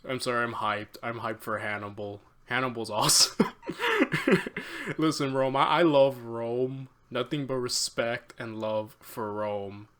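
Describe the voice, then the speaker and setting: A man hosting a reaction video, chatting excitedly with many fillers and laughs. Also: medium pitch, unhurried. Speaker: reaction channel host. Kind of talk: casual reaction commentary.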